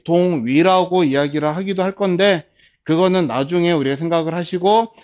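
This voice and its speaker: Male instructor, 40s, slightly high voice, steady explainer, lo-fi classroom capture. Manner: starts phrases with a drawn-out filler, slow and patient. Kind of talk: classroom lecture. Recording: dull lo-fi lecture recording.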